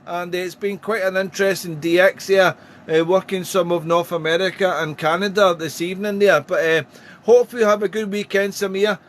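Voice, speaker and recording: A man with a British accent chatting as an amateur radio operator, deliberate and full of call phrases. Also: high voice. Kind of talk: casual radio contact chat. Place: home radio room.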